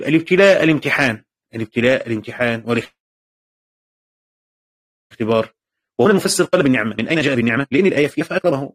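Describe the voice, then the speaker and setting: A man with an Egyptian Arabic accent teaching a text commentary in class. He reads formal passages, explains them in colloquial speech, repeats key phrases and keeps checking that his students follow. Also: a little high. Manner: shifts between formal reading and colloquial explanation.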